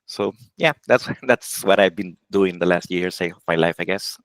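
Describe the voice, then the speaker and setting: A man from Honduras in his forties, a game programmer answering interview questions in a casual, halting way with many restarts and self-corrections. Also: sits low, fairly bright tone, no echo, low-quality recording.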